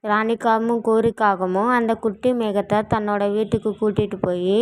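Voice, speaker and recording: A woman narrating a children's cartoon story in a steady storytelling way. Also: medium pitch, moderate pace.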